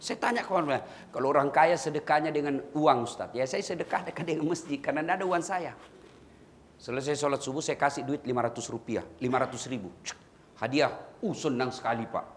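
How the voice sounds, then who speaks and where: A middle-aged preacher with a Makassar Indonesian accent gives a humorous sermon, telling stories and speaking straight to his listeners as "Pak." His voice is a little high and somewhat fast, with slight background noise.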